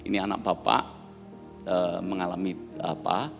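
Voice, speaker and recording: Pastor doing a low, stiff fake police officer on the phone, formal and officious, reverb-heavy hall, faint music. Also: male voice, steady tone, moderate pace, vocal fry. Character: gruff adult male phone scam police officer. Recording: long reverb, soft music behind.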